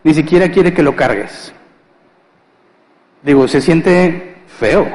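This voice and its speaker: A man's voice: on the high side, slow, darkish tone, long reverb tail, poor audio. A male pastor giving a conversational sermon, asking rhetorical questions and acting out family scenes with humor. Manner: conversational, asks rhetorical questions and answers them; acts out household scenes with humor. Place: church.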